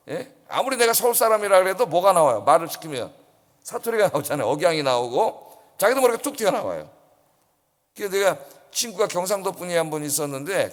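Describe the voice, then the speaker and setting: Animated pastor in an echoing church. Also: male voice, high-pitched. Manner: animated storytelling, acts out quoted voices, asks the congregation questions. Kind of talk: early-morning sermon. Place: church sanctuary. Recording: long church hall reverb.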